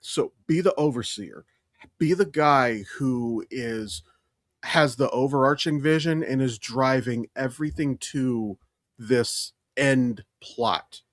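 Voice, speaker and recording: A podcast co-host talks slowly in a medium-pitched voice, chatting casually about films with blunt opinions and plenty of swearing. The recording is studio quality with no room sound.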